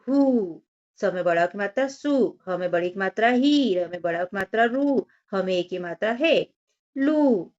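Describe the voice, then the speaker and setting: A woman's voice: medium pitch, dull audio. Patient woman teaching children syllables. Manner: patient, sounds out letters and syllables one by one; addresses children directly, gently instructive. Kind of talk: workbook lesson for young children.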